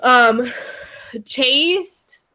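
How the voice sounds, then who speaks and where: A woman's voice: high voice, drawn-out words, sharp tone. A young woman co-hosting a podcast, chatting casually and emphatically with lots of fillers. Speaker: podcast co-host. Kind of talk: casual chat.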